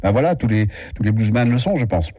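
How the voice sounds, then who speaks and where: A man's voice: fairly low pitch, animated, fast, dark tone, husky, dry recording. A man hosting a radio interview, asking questions in a friendly, conversational way. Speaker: radio host.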